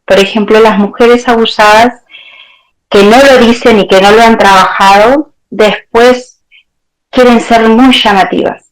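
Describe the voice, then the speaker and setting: Woman, therapist, reflective, pausing, interview guest. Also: on the high side, fairly even intonation, poor audio. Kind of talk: interview answers.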